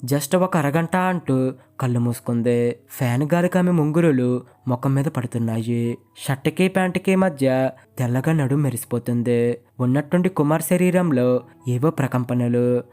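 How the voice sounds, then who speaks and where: A man reading out a short story as scripted narration, in a measured, dramatic storytelling manner. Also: medium pitch, mellow.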